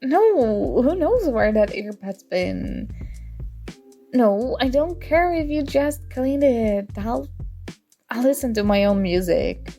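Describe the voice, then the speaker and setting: Over soft background music, a young woman performs an ASMR audio roleplay as a prickly but grudgingly fond student. Her slightly high, animated voice moves slowly, soft-spoken and tsundere, teasing one moment and defensive and flustered the next.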